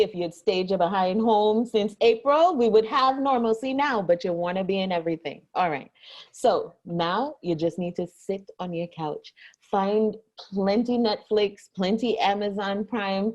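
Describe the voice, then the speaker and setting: A woman's voice: mid-range voice, normal speed, a little mellow. Emphatic ranting woman, dull lo-fi audio. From Guyana. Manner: exasperated, emphatic, repeats phrases for effect. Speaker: co-host of an online rant show. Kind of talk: comedic casual rant with a friend.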